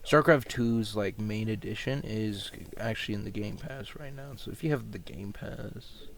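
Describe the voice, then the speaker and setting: A man's voice: fairly low pitch, normal speed, vocal fry, a little hiss or hum, rough recording. A man casually talking through a strategy game match, rambling with lots of fillers and restarts. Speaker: gamer commentating his match. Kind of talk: casual gameplay commentary.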